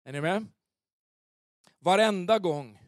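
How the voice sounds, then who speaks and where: A male pastor preaching an animated sermon in a church, often checking if the congregation is with him. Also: high-pitched, dry recording, studio quality. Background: soft keyboard pads.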